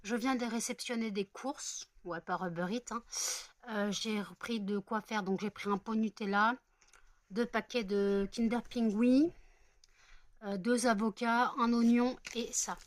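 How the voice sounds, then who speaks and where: A woman's voice: on the high side, steady tone, unhurried, no echo. A woman who has not slept yet, chatting in a rambling home vlog with many fillers. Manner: chatty and rambling, many fillers, coos softly to her dogs. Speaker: vlogger. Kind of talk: casual vlog chat.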